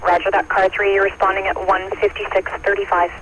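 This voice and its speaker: A man working as a fire dispatcher, heard over a two-way radio, giving steady procedural readbacks of units and times. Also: sits high, a little fast. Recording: muffled radio channel with static hiss.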